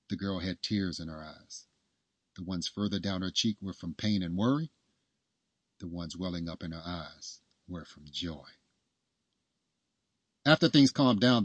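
A man hosting and narrating a scripted story in a measured storytelling manner. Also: sits low, no room sound. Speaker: host and narrator.

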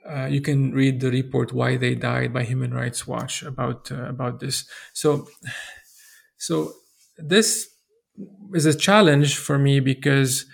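Middle-aged man from Lebanon as an interview guest; gravelly, flat delivery, earnest and measured. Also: medium pitch. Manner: earnest, measured, with frequent restarts. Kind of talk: thoughtful interview answer.

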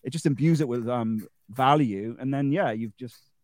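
A man hosting a casual podcast conversation, eager and quick to agree, laughing often. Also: medium pitch, a little mellow, no echo, studio quality. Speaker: podcast host.

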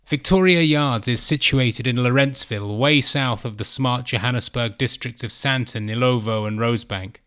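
A man hosting his own podcast, reading a scripted narration in a measured, read-aloud way. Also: mid-range voice, a bit bright, clear, resonant tone. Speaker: podcast host.

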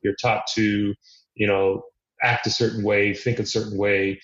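A man's voice: lowish voice, little pitch movement, unhurried, a bit bright. A man from Miami, a podcast guest, talking earnestly and reflectively, thinking aloud with frequent restarts. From Miami, United States. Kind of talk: reflective conversational interview. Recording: echoey room, dull lo-fi sound.

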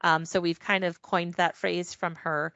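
A woman with a fairly low voice talks through a casual interview, rambling along with frequent ums and self-corrections. The call audio is dull and lo-fi with no room sound at all. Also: flat delivery, a little slow, creaky, a bit bright, dry recording. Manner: chatty, frequent ums and restarts. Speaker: podcast guest, packaging professional.

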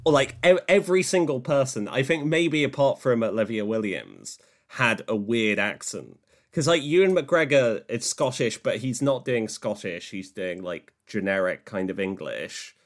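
A man's voice: mid-range voice, moderate pace. A man co-hosting a podcast in casual chat, loose and full of fillers like "like" and "uh". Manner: relaxed, filler-heavy talk with lots of "like". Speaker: podcast co-host.

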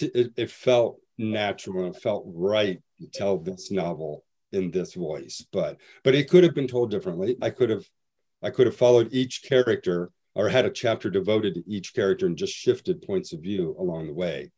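Male guest author, low voice, rambling casual delivery. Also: darkish tone. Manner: rambling, many restarts and "you know". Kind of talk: casual panel chat.

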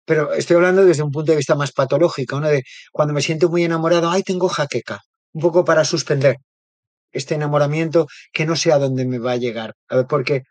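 A man's voice: a little high, steady tone, fast, darkish tone, no echo. A man, a therapist being interviewed, explaining ideas thoughtfully and often checking in with little tag questions. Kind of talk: reflective interview talk.

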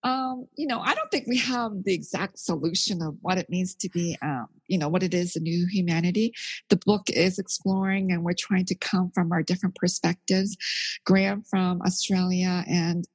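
A woman's voice: fairly low pitch, moderate pace, slightly rough, no room sound, poor audio. A middle-aged woman author, born in Korea and raised in Canada, speaking thoughtfully and earnestly in an interview, with many fillers. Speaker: author, theologian guest. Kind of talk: interview conversation.

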